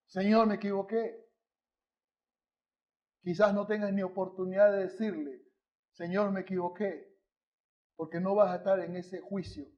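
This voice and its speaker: A man's voice: sits high, a little mellow, highs cut off. A male pastor preaching a sermon, telling a personal story and asking the congregation rhetorical questions.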